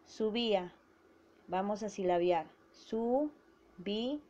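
A woman teacher giving a grammar lesson to schoolchildren, slowly spelling out syllables. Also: medium pitch, warm tone. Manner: slow and deliberate, spelling out syllables. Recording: dull lo-fi recording.

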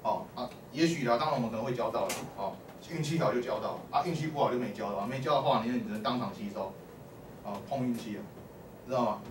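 Teaching math at a fast clip, a man with a mid-range voice fires questions at his students and prods them with repeated "lai" and "o" prompts in a classroom lecture. A distant mic picks up the echoey room and a faint hum.

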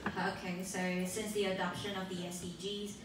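A teenage girl from Taiwan, whose first language is Mandarin, presents a student pitch in English in an even, flat tone. She speaks from a lectern into a handheld mic. The sound is far off and echoey, with a clear background hum. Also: moderate pace. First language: Mandarin Chinese. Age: teens. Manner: level, careful delivery, light fillers. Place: conference hall, indoors. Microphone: handheld mic at a lectern, filmed by a far phone camera.

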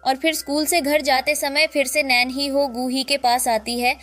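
A woman narrating a drama recap in a lively storytelling way, acting out the quoted lines. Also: sits high, normal speed.

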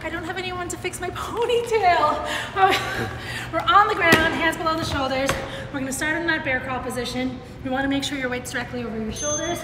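A high-voiced woman trainer leads a workout, calling out moves with upbeat energy, counting down and cheering. Her voice rings in a roomy space with a long reverb tail, with clear background noise underneath. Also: fairly quick. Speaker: fitness trainer. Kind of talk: leading a home workout.

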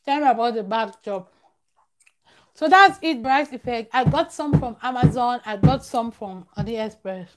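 Speaking at normal speed with a fairly high, animated voice, this young vlogger gives her live-stream viewers casual advice, stressing points by repeating phrases. The audio is poor, with a little hiss or hum. She's recording in a small home room near a plain wall, using a lavalier clipped to her collar.

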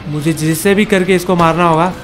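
A high-pitched man calls out a game as he plays. He taunts and repeats short words in excited bursts. Faint game music plays behind him. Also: fairly quick. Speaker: gaming channel host. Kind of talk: excited gameplay commentary.

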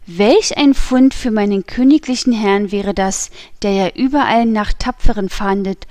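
A woman's voice: medium pitch, warm tone, no room sound, natural voice. A woman reading the part of a haughty, mocking nobleman who speaks with cool contempt, in a dry audiobook recording. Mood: scornful. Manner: scornful, unhurried, mocking.

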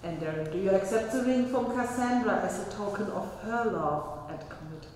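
A woman's voice: medium pitch, fairly quick, darkish tone. A woman officiating a wedding in a small chapel, speaking formally and leading the vows line by line. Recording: echoey chapel reverb, faint noise.

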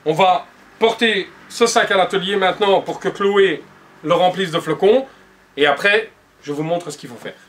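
A man in his forties shows viewers how to make a cushion, talking to them directly with patient, step-by-step explanations from his workshop showroom. He speaks at normal speed in a high-sitting, slightly bright voice, and the camera mic adds a little hiss or hum.

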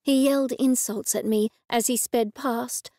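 Woman narrating an audiobook, slightly gravelly. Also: a little high, fairly even intonation, unhurried, mellow, no echo, studio quality.

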